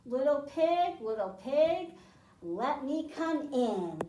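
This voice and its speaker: Big bad wolf played by a lady, greedy, booming drawn-out threats, storybook vibe, roomy echo. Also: very animated, slight background noise, full character voice. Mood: blustering, demanding. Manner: loud, drawn-out chanted threats. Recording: echoey room, mic at a distance.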